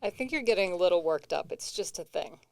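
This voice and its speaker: A woman's voice: on the low side, expressive, fast, gravelly, dry recording. A woman with a New England accent co-hosting comedic banter in a matter-of-fact, dry way. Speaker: co-host.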